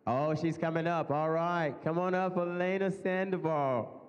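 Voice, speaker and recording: A man's voice: on the high side, fairly even intonation, normal speed, lo-fi sound. A man with a Mississippi accent hosting a live awards event, exhorting people and repeating his phrases. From Mississippi, United States. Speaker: host presenting awards. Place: large banquet hall with stage, indoors. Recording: echoey hall over PA system.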